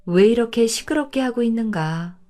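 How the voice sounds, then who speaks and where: A woman voicing a calm, wry old man who is a high state minister in disguise. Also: close to an everyday voice. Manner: quiet, unhurried, dry.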